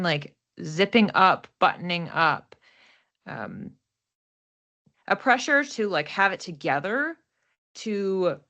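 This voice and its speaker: A woman with a lowish, sharp-toned voice hosts an oracle card and astrology reading. She thinks aloud in a casual, unscripted, reflective and conversational way.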